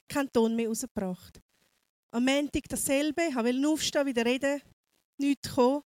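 High-voiced woman telling a testimony. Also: a little mellow, dry recording. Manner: earnest storytelling, non-native phrasing. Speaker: missionary speaker. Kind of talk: personal testimony sermon.

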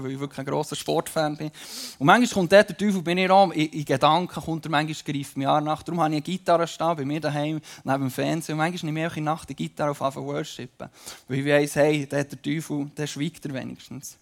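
Young man, preacher, conversational sermon, slightly high voice, animated storytelling. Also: brisk. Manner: animated storytelling with frequent fillers. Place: church stage.

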